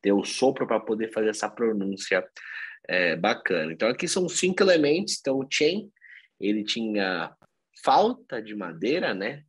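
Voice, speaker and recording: Man, husky voice, animated pitch, lesson co-host, talks to viewers. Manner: addresses viewers directly, spells things out slowly. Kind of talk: online lesson presentation.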